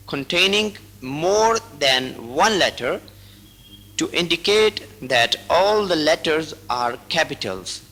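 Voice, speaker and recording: A man with a fairly high, bright voice reads instructional rules aloud. He goes very slowly, pausing between short phrases like a patient teacher. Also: poor audio. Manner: slow, deliberate reading in short broken phrases. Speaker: teacher reading out braille rules. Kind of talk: slow instructional reading.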